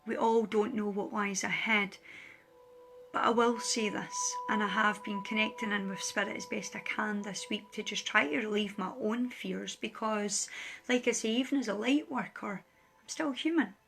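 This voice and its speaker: Emotional woman, light worker, earnest heartfelt appeal to viewers, mid-pitched, soft music behind. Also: steady tone, normal speed, gravelly. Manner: earnest, pleading, repeats phrases for emphasis. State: emotional, close to tears. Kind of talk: heartfelt direct address to viewers.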